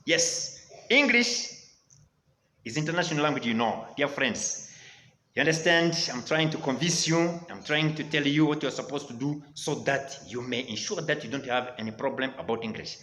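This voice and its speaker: A man's voice: mid-range voice, animated, normal speed, bright, forceful tone, echoey room, low-quality recording. Rwandan man coaxing English learners. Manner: repetitive, exhorting, keeps saying dear friends. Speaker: English teacher. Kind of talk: motivational language lesson.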